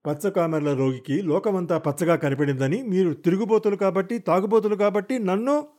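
A furious, jealous young wife, as a male narrator puts her on in a storybook reading, her voice pushed high above his own. She wails and throws shrill accusations, with a mellow, soft-edged tone underneath. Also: lively intonation, fairly quick. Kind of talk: audiobook character voice.

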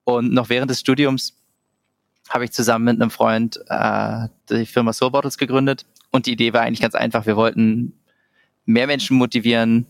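Speaking as a podcast guest in a relaxed interview, this German founder in his thirties uses lots of fillers and often starts sentences over. His voice is medium-pitched and creaky, captured in clean studio sound with no room noise.

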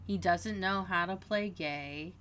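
Slow-talking woman hosting a casual podcast. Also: on the low side, crowd noise. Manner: chatty, laughs at own retelling. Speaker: podcast host. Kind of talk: casual fan podcast recap.

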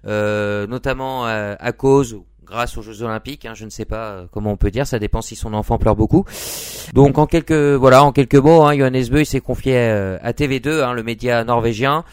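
A man's voice: medium pitch, moderate pace, no room sound, studio quality. A man hosting a casual sports podcast, chatty and joking, peppering his talk with fillers. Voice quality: smooth, lots of "hein" fillers. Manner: chatty, laughs easily, joking. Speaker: podcast host.

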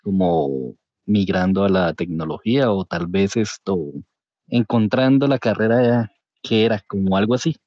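A man's voice: on the low side, a little slow, no room sound. A man with a Colombian accent telling his own story casually and colloquially as an interview guest. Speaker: podcast guest, career changer into programming. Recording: dull, lo-fi audio.

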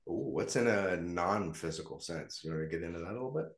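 Deep-voiced man in heavy echo. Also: expressive, fast. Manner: loose, checks in with "correct?" and "right?". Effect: heavy echo, like talking in a canyon. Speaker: podcast host. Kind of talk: casual interview chat. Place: new, echoey location. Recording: echoey room in a new location.

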